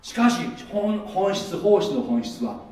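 A man's voice: high voice, big pitch swings, measured pace, a little mellow. A man preaching a sermon as pastor in a conversational way, often asking the listeners rhetorical questions. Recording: very echoey room, voice from far off.

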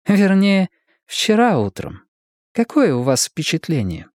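A man voicing a calm, commanding woman leader. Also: on the low side, no echo, clean studio sound, pitched above the performer's own voice. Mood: quietly probing. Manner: measured, authoritative, quietly commanding. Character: stern woman head of government, calm, commanding. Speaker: political leader.

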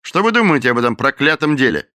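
A man voicing a loud, blustering, dim-witted police captain who barks and bullies. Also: mid-range voice, big pitch swings, quick pace, dry recording, clean studio sound, voice pushed up. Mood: gruff. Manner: barking, bullying, shouting.

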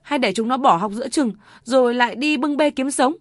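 A woman voicing a guilty young woman who pleads tearfully in halting words. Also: fairly high pitch, steady tone, no echo, studio quality, voice pushed up. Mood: bitter.

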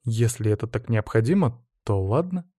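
A flustered, hesitant young woman, as a male narrator voices her in a read-aloud story. The voice stays warm and mellow, dry and close to the mic. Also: medium pitch, animated, a little fast, no room sound, close to an everyday voice. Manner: hesitant, surprised.

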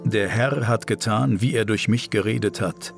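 A man's voice: on the low side, normal speed, creaky, music in the background. A man reading the part of the stern ghost of an old male prophet, grave and reproachful.

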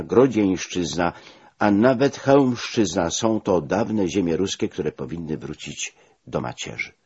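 Low husky-voiced man reading a memoir. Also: darkish tone, lo-fi sound. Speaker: audiobook reader. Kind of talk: first-person memoir reading.

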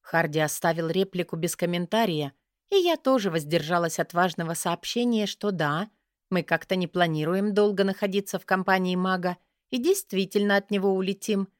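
Female audiobook narrator, lowish voice, dry close sound, wry lively telling. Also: normal speed, no echo. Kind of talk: first-person fantasy narration.

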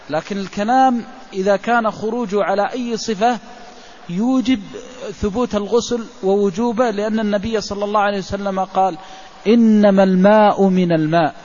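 A man, a religious scholar, explains a classical legal text in a measured lecture and pauses on drawn-out fillers. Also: sits high. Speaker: religious scholar teaching jurisprudence. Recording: dull lo-fi recording with faint hiss.

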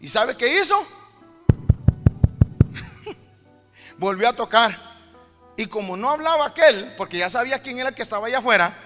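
A man's voice: very high-pitched, big pitch swings, moderate pace, pauses often, sharp tone, big-room sound, soft background music. A man preaching a sermon, acting out the characters of a parable and calling his listeners "brother". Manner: addresses the congregation as "hermano".

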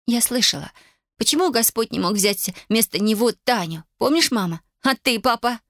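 A woman voicing a shrill defiant young woman. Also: lively intonation, normal speed, a bit bright, no room sound, clean studio sound. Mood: shrill, accusing. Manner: emotional, rising to shrill cries. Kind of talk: audiobook character voice.

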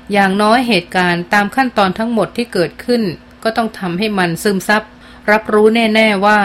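A woman narrating a novel in a measured, expressive storytelling manner. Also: mid-range voice, a little hiss or hum. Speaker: audiobook narrator. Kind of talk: scripted narration.

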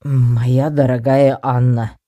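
A man's voice: mid-range voice, flat delivery, dark tone, no room sound, lightly acted. Man playing a solemn, nervous professor. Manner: slow, formal, rehearsed proposal speech. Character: nervous middle-aged male professor, solemn.

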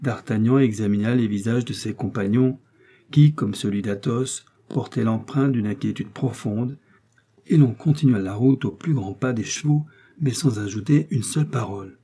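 A man narrating a classic novel as an audiobook, in a measured storytelling manner. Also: medium pitch, warm tone, breathy edge. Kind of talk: scripted narration.

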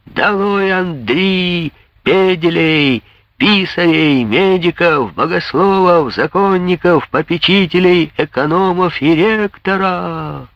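A man voicing a rowdy young male student who shouts mocking taunts in a raised, high voice. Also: big pitch swings, takes it slowly, creaky, no room sound, heavily acted. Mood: jeering. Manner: loud, jeering, high shouts.

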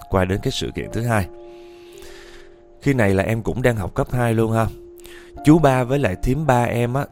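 Man, low voice, chatty ghost story narration, talks to listeners, faint music behind. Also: a little mellow. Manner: chatty storytelling, often addressing the listeners directly.

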